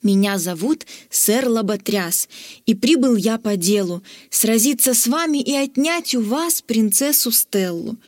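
A woman's voice: on the high side, expressive, unhurried, a little mellow, no echo, clean studio sound. A woman voicing a pompous male knight in a storybook who speaks grandly and formally. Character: pompous male knight, boastful, later eager.

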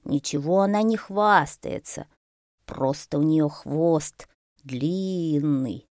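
A woman voicing a slow, touchy young boa constrictor who draws out his words. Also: low voice, warm tone, no echo, clean studio sound. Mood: earnest. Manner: slow, drawn-out, a bit sulky.

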